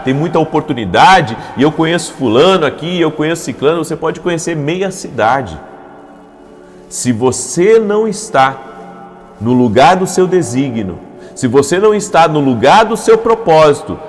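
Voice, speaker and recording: A man's voice: fairly high pitch, big-room sound. A man preaching a devotional morning sermon, with repeated emphatic phrases that build into urgent appeals. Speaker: pastor.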